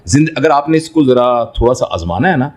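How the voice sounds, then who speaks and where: Male doctor, interview guest, fatherly, lively intonation, rhetorical questions. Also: medium pitch. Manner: explains through everyday examples and rhetorical questions; fatherly, addresses listener as son. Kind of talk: reflective interview answer.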